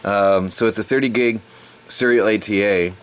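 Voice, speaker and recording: A man's voice: lowish voice, steady tone, moderate pace, background noise. A middle-aged man hosting a casual unboxing video, rambling and stumbling over words as he corrects himself. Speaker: tech channel host.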